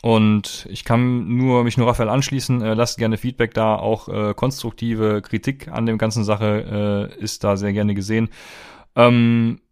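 A man's voice: on the low side, flat delivery, unhurried, darkish tone, clear, resonant tone, no echo, studio quality. A man co-hosting a podcast, speaking in a friendly, hesitant way with frequent fillers. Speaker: podcast co-host. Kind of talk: casual podcast chat.

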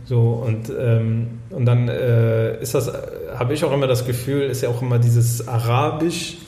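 A man co-hosting a casual talk show, talking in a halting way with many fillers and restarts. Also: mid-range voice, fairly even intonation, mellow, roomy sound. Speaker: podcast co-host. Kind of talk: casual discussion.

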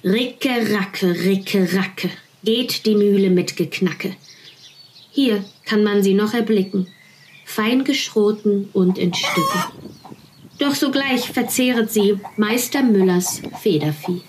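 Slow, rhythmic woman reading rhymed verse. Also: mid-range voice. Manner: rhythmic sing-song verse with playful sound words. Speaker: storyteller.

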